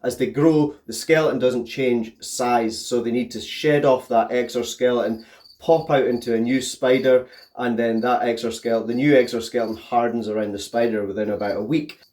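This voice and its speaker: A man's voice: mid-range voice, a little mellow. Man with a congested, swollen-throat voice. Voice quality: thick, congested voice. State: congested, swollen throat and tonsils from hay fever. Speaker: tarantula keeper and video host. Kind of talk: casual vlog presenting to viewers.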